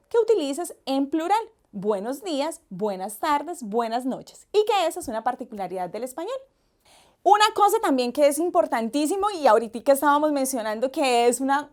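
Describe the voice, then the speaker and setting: A woman teaching a Spanish lesson, explaining points clearly and speaking directly to her viewers. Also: sits high. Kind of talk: explaining language lesson to learners.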